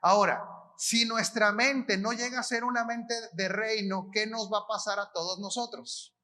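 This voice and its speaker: An apostle with a Mexican Spanish accent preaches a conference sermon in a high, bright voice at a moderate pace, delivering sharply and with liveliness. He speaks colloquially and keeps asking the crowd questions he answers himself; there is a little hiss or hum.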